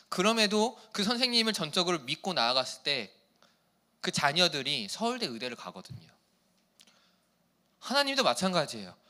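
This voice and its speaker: Young male youth pastor, high and bright, chatty and playful with teens. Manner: playful, chatty, asks the kids questions. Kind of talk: casual sermon to teenagers.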